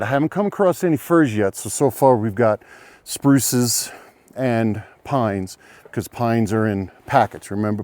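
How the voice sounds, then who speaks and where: A man's voice: medium pitch, no room sound. Slightly winded man on a snowy trail. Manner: relaxed, rambling explanations with many fillers. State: slightly out of breath. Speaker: hiking vlogger. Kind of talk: casual outdoor vlog narration. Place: outdoors on a snowy trail by a lake.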